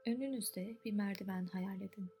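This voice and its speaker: Soft, soothing woman guiding meditation over music. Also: medium pitch. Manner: soft, soothing, unhurried delivery with long pauses. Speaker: guided meditation narrator. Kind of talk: guided relaxation meditation, scripted narration.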